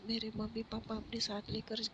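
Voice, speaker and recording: A woman voicing a timid, tearful young girl in a soft, hushed way while reading a storybook tale aloud. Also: a little high, monotone, a little fast, lo-fi sound, noisy background, close to an everyday voice. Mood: sorrowful.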